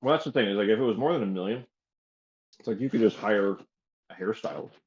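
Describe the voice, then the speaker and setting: Male podcast co-host, lowish pitch, dry deadpan quips, muffled lo-fi mic. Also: quick pace, slightly rough. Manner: dry, explanatory wisecracks. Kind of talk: casual podcast banter.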